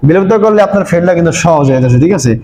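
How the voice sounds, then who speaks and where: A man with a high voice teaches a grammar lesson, walking through each rule step by step. He often checks whether his listeners follow and stretches example words out slowly. The recording has the roomy sound of an echoey space. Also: animated, a little mellow.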